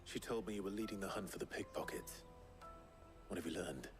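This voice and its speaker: An actor playing a serious young swordsman in a video game, terse and low-key. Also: a little fast. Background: game music.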